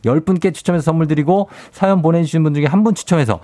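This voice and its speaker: Relaxed male radio host, dry close sound. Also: on the high side, rapid-fire, dry recording. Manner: relaxed, reacting in short replies. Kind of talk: radio quiz hosting.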